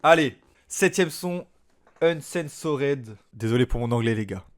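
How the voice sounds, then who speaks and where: A man streaming live, reacting to a rap album in excited, slangy commentary and repeating how shocked he is. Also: medium pitch, measured pace.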